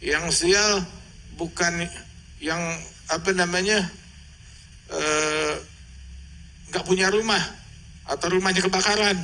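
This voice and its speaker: A man's voice: high voice, sharp tone, slight background noise, low-quality recording. A male preacher giving a religious lecture in a conversational, teasing way, full of rhetorical questions.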